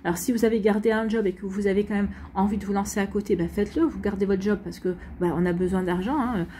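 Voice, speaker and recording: A woman's voice: mid-range voice, fairly even intonation, fast talker, mellow, a little hiss or hum. A French woman giving a casual, rambling astrology reading to her viewers, full of restarts and reassurance. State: hiccups. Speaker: astrology and tarot reader.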